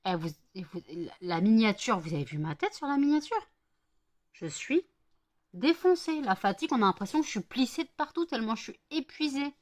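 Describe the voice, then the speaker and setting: A woman's voice: fairly high pitch, expressive, quick pace, hardly any pauses. A worn-out woman from France in a casual home vlog, cooing baby talk to her dogs after one hour of sleep. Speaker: vlogger.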